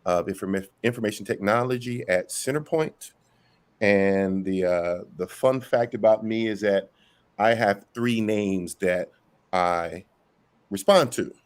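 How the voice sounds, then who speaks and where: A man speaking casually as a guest on an online show, relaxed and joking. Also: lowish voice, clear, resonant tone. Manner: jokey, relaxed. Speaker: guest husband. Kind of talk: casual chat.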